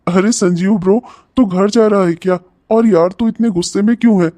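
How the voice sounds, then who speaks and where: A man's voice: sits high, fairly even intonation, moderate pace, dark tone, lightly acted. A man voicing an easygoing young friend in a cartoon, casually talking sense into his buddy. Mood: coaxing. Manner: casual, coaxing, reasonable. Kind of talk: cartoon voice acting.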